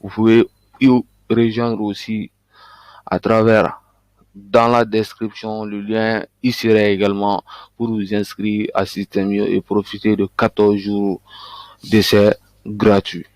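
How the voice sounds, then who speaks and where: A man's voice: lowish voice, completely flat delivery, slow, a little mellow, dry recording. A man coaching on online business, talking through a screen-share tutorial with frequent hesitations and restarts. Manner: hesitant, many fillers and restarts.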